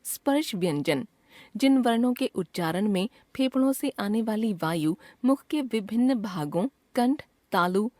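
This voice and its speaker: A woman's voice: mid-range voice, darkish tone, no room sound. A woman reading out a scripted grammar lesson as a teacher, carefully drawing out each sound she names. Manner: slow, careful, drawn-out enunciation of sounds.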